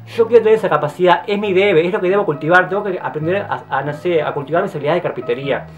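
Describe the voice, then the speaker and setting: A male vlogger in his twenties with a Rioplatense Spanish accent delivers a casual monologue to camera. He talks very fast and effusively, playful, restarting and repeating words, often trailing off into low, soft asides. Faint guitar music plays in the background.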